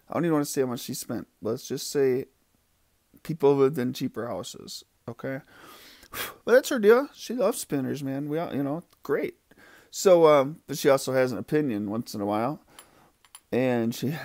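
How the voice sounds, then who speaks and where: A man's voice: mid-range voice, darkish tone, no room sound, studio quality. A man chatting casually in a rambling, gossipy, profane way full of fillers, as he reviews fidget spinners. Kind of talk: casual rambling vlog chat.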